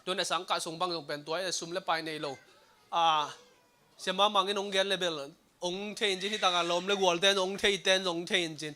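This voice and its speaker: High, bright-voiced male preacher. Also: steady tone, brisk. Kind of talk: sermon. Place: church service streamed online.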